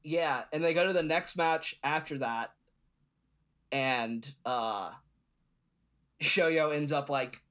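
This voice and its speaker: Young man, podcast guest, casual chat, rambling with fillers, slightly high bright voice. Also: slow pace, pauses often. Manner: rambling retelling with many fillers.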